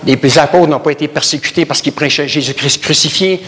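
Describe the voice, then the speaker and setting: A man's voice: fairly high pitch, brisk, fairly bright tone, big-room sound, slight background noise. A man from Canada with a Québécois accent, preaching a sermon emphatically and repeating phrases, addressing the congregation as brothers and sisters. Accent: Québécois French. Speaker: pastor.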